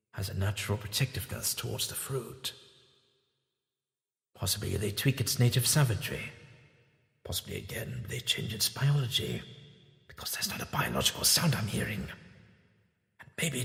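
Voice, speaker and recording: Man acting as eccentric alien time traveler, lowish creaky voice, theatrical pauses, audio drama. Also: fairly bright tone, full character voice. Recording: echoey room with long reverb.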